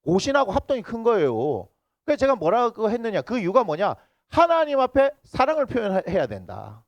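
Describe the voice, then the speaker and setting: In a church sanctuary, a pastor from Busan with a Gyeongsang accent preaches into a handheld microphone, teasing and bantering with his congregation. His high voice swings hugely in pitch at a brisk pace, and the audio is dull with no echo.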